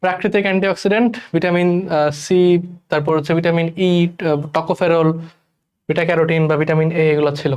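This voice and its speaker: A young man from Bangladesh teaching chemistry in a rushed exam-prep lecture, repeating key terms and calling his students brother. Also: a little high, fairly even intonation, clean tone. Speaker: chemistry tutor. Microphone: recorded voice-over for class slides.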